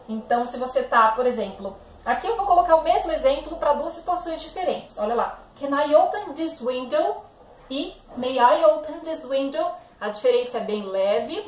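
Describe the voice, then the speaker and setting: Woman, English teacher, high voice, patient and explanatory, roomy echo, mic set back. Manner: patient, explanatory, checks in with "né?" and "tá, gente?". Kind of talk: classroom lesson at a whiteboard. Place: classroom with a whiteboard. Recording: echoey room, mic at a distance.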